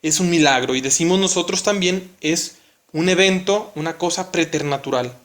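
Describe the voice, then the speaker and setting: A man's voice: fairly high pitch, moderate pace, a bit bright. A man teaching a lesson, explaining patiently step by step and often checking in with the listener. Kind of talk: recorded classroom lesson.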